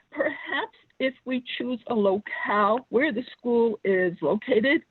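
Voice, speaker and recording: Woman, phone caller, earnest, measured, pausing often, tinny dry phone line, even middle pitch. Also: slightly rough, dry recording. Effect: heard over a phone line. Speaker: public commenter calling in to a school board meeting. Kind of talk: public comment by phone.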